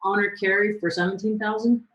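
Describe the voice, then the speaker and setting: A woman hosting a live Q&A who asks quick follow-up questions and encourages callers. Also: medium pitch, steady tone, fairly bright tone, muffled recording. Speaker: host. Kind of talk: live Q&A coaching.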